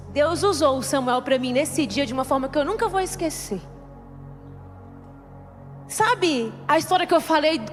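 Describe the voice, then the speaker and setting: A young adult woman preacher giving an emotional testimony sermon and often addressing the congregation directly. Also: high voice. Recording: long hall reverb, faint music.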